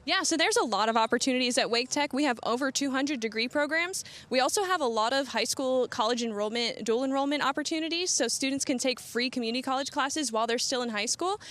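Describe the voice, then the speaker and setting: A woman's voice: high-pitched, a bit bright. A woman answering interview questions as a college outreach representative, in an informational promotional style. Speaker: college recruitment officer being interviewed.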